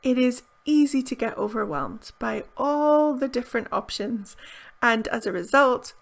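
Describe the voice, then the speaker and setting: An English teacher delivers a scripted video lesson to camera, bright and upbeat, enunciating every word clearly. Her slightly high voice turns gravelly with fry at phrase ends, and she sounds close to the mic in a small indoor room.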